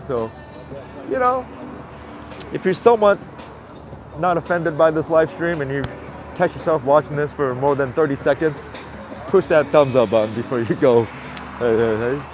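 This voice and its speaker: A man's rather high, animated voice moves at normal speed over background music. He's a vlogger with a stuffy nose, walking a city sidewalk at night and live-streaming on a handheld phone. Chatty and casual, he addresses viewers directly and repeats his greetings.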